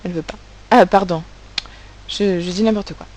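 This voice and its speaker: A woman teacher giving a recorded phonics lesson to children, articulating sounds and syllables slowly and with care. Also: on the low side, steady tone, a little mellow, a little hiss or hum, rough recording. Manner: slow, carefully articulated, stressing sounds and syllables. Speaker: primary school teacher.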